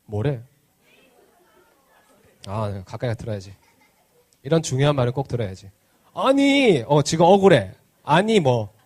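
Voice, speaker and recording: Teasing the children and quizzing them constantly, a man delivers an interactive children's sermon at church as their pastor. His medium-pitched voice has a darkish tone and lively intonation, at normal speed with long pauses.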